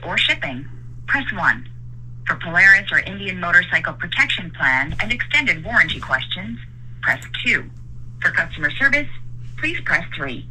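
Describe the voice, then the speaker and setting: A recorded automated phone menu voice reading polite scripted options in an even, measured way. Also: medium pitch, slight background noise, rough recording. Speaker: automated phone system greeting.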